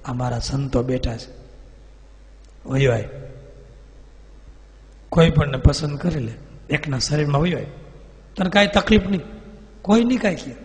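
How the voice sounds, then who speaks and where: A man voicing a calm, commanding holy master who questions and orders a demon spirit. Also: fairly high pitch, unhurried, pauses often. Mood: coaxing. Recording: reverberant hall.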